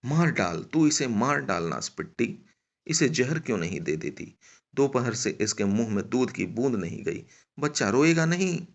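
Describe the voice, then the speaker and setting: A man voicing a shrill, cursing nomad woman. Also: sing-song, normal speed, creaky, exaggerated voice. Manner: shouting curses, loud and raised. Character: furious foul-mouthed grieving nomad woman. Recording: dull lo-fi recording.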